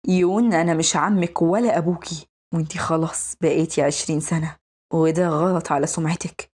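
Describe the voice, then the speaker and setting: A woman doing a low, curt Egyptian mafia boss. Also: fairly even intonation, a little fast, a little mellow, breathy edge. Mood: firm. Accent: Egyptian Arabic. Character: cold, protective adult male mafia boss.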